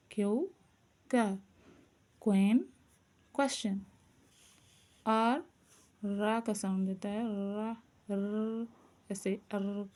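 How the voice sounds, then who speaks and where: Slow, careful woman teaching letter sounds. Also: medium pitch, mellow. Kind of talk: phonics lesson.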